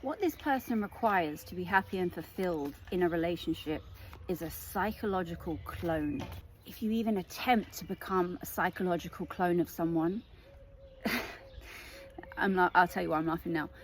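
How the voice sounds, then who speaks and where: A woman's voice: fairly low pitch, moderate pace, slight background noise. Emphatic woman reading tarot. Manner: emphatic, animated storytelling. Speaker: tarot reader.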